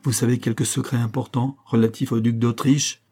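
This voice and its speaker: A man's voice: medium pitch, flat delivery, normal speed, warm tone, breathy edge, close to an everyday voice. A man reading an audiobook who voices a young grieving queen in fervent, pleading speech. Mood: anxious.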